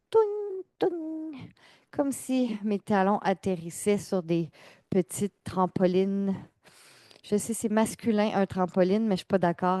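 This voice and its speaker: A woman fitness instructor, giving calm, measured exercise cues and counting reps. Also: mid-range voice, smooth, dry recording. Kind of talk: guided exercise class cues.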